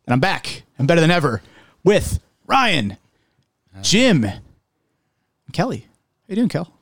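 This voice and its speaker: A man's voice: fairly high pitch, very animated, unhurried, creaky, fairly bright tone, slightly rough, no room sound, studio quality. A man with a slightly nasal voice hosting a casual comedic podcast, upbeat and jokey. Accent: Buffalo, New York. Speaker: podcast host.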